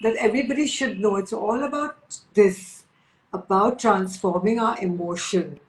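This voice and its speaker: A woman's voice: medium pitch, moderate pace. An Indian-accented woman speaking enthusiastically in a spiritual talk, repeating key phrases for emphasis. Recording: echoey room.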